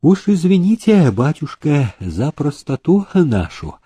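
A man voicing a humble, cautious old widowed father, speaking deferentially and slowly, in a storybook reading. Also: on the high side, very animated, dark tone, husky, pitched above the performer's own voice, full character voice. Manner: deferential, slow and careful.

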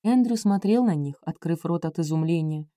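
A woman narrating a romance novel as an audiobook, telling the story smoothly and evenly. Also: lowish voice, moderate pace, warm tone, no echo, clean studio sound.

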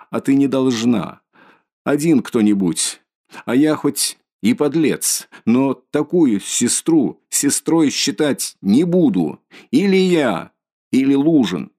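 A man's voice: mid-range voice, a little mellow, pitched above the performer's own voice, heavily acted. A man voicing a feverish, exhausted young man who speaks in strained, curt insistence.

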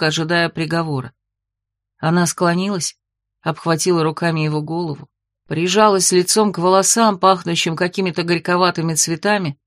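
A woman narrating a fantasy novel in an even, measured reading. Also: lowish voice, dry recording, studio quality. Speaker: audiobook narrator.

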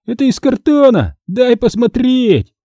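A man voicing a mischievous, boastful teenage boy in an audiobook, loud and taunting. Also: very high-pitched, sing-song, a little slow, dry recording, pitched above the performer's own voice, heavily acted. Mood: mocking. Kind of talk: audiobook character voice.

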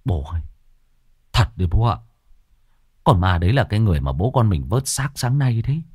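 A man's voice: lowish voice, big pitch swings, a little fast, darkish tone, slightly rough, no room sound, studio quality. A man voicing a frightened young man who stammers faintly and weakly.

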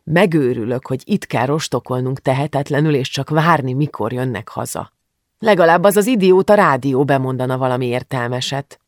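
A reader puts on a bossy older sister who snaps and scolds with weary exasperation. The voice is raised a little, gravelly, and recorded dry. This is an audiobook scene with her lines acted out. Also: mid-range voice, dry recording, natural voice.

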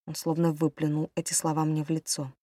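A woman reading a novel aloud in the first person, as a steady audiobook narrator. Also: low-pitched, brisk, no room sound, studio quality.

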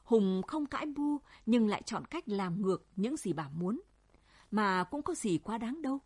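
A woman with a husky voice, narrating a story in an even storytelling manner. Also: mid-range voice, a little slow, no echo. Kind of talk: audiobook story reading.

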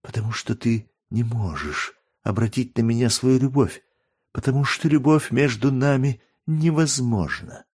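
A man's voice: lowish voice, a little slow, darkish tone, pitched above the performer's own voice. A man reading aloud, voicing a proud young woman who speaks through tears in an audiobook. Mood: sorrowful. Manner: trembling, tearful pleading.

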